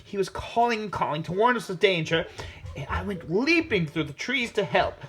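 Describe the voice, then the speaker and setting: A man puts on a nervous monkey from an animal tale. The voice is high and excitable, leaping in pitch as it makes excuses. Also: moderate pace, slightly rough, heavily acted. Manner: hesitant, then excitable. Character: nervous monkey blaming others for an accident.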